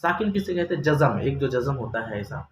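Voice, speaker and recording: A man's voice: mid-range voice, sing-song, a little fast. A man teaching a step-by-step recorded lesson, patiently asking questions and answering them himself. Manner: patient, asks questions then answers them, drawls example sounds. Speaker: Quran reading teacher. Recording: roomy echo, faint ambient noise.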